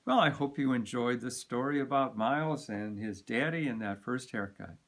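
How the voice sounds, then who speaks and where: A man with a mid-range voice reads a children's picture book aloud, telling the story in an expressive, deliberate way.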